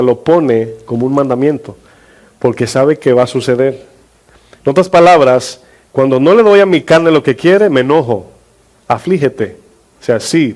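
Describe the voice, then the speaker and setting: A man's voice: a little high, darkish tone. A male pastor preaching a sermon, questioning his congregation and drawing out key words for emphasis.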